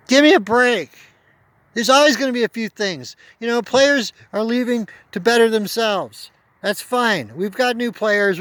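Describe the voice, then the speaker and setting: Exasperated high-voiced man ranting outdoors. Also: a bit bright, dry recording. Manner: exasperated, emphatic, repeats himself. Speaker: sports fan vlogger. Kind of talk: casual fan rant to camera. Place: outdoors at sunset, walking his dog.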